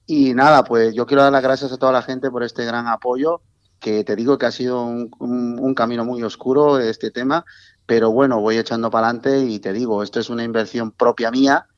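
A man's voice: mid-range voice, fairly even intonation, normal speed, no room sound, muffled recording. A middle-aged man from Mexico, a festival organizer, chatting in an interview, joking and effusive with frequent tag questions. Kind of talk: casual interview chat.

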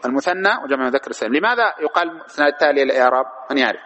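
Fast-talking man teaching a grammar lesson. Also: medium pitch, fairly bright tone. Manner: quizzes the class with rhetorical questions, answers them himself. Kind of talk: classroom lesson explaining a grammar text. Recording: dull lo-fi lecture recording with faint noise.

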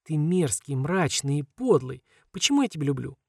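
A man voicing a tender, teasing young woman in an audiobook, speaking softly and quietly. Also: fairly high pitch, sing-song, moderate pace, creaky, dry recording, clean studio sound, recorded from a distance, heavily acted.

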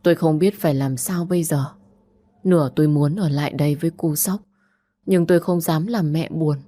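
Low-voiced woman narrating a sad story. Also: moderate pace, warm tone. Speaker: audiobook narrator. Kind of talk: first-person story narration.

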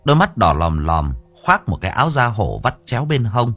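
A man narrating a horror story for an audiobook in an expressive, dramatic storytelling voice. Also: medium pitch, fairly quick, husky, soft background music.

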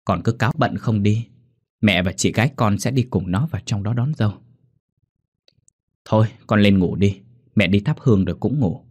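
A man's voice: fairly low pitch, normal speed, long pauses, a little mellow, breathy edge. A man voicing a protective, doting older mother who soothes her son in a storybook horror tale. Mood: soothing.

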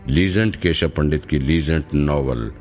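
Cheerful young female officer, quick delivery, a man reading it with a very deep voice. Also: darkish tone, soft background music.

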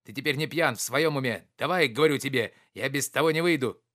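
A man reading an audiobook, voicing a loud, boorish, quarrelsome middle-aged man who shouts and blusters. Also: mid-range voice, fast, close to an everyday voice. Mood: shouting.

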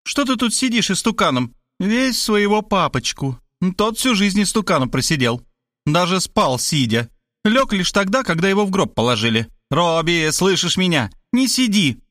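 A man putting on a shrill bossy mother. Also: expressive, moderate pace, fairly bright tone, dry recording, studio quality. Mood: scolding. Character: loud domineering older mother, scolding.

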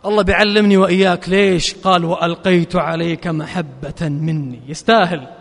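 A man preaching with a Gulf Arabic accent, chanting verses slowly and then explaining them in quick, casual asides. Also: high-pitched, fairly even intonation, gravelly. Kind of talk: sermon. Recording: long hall reverb.

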